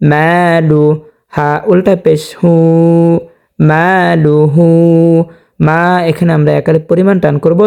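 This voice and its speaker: A man's gravelly, mellow voice teaches Quran reading, letter by letter. He slows to long drawn-out recitation of the verses, then returns to plain explanation and asks his viewers questions he answers himself. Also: fairly high pitch. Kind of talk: spelling-out Quran reading lesson.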